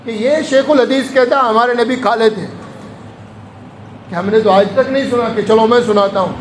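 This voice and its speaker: A man's voice: very high voice, fairly even intonation. A male Islamic preacher giving a storytelling lecture, acting out the voices of the people in his anecdotes. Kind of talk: sermon-style storytelling lecture. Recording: echoey room with faint ambient noise.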